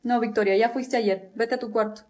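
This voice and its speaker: A woman acting out comedy skits with animated, exasperated scolding. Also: a little high, moderate pace. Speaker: comedy sketch creator.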